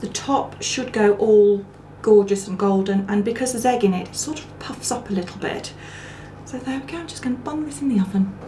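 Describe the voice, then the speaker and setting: A woman talks her viewers through a home cooking demonstration in a chatty, homely way. Her mid-range voice rings in an echoey kitchen, with dishes and cutlery clattering clearly behind her. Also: medium pitch, fairly quick, warm tone. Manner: chatty and homely, talking while cooking and eating. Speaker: cooking show host. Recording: echoey room with clear background noise.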